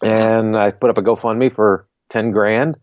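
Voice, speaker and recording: A man who is a comedian, chatting as a podcast guest in a relaxed, self-deprecating way and laughing easily. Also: on the low side, measured pace, dry recording, dull audio. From Washington, D.C. area. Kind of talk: casual chat.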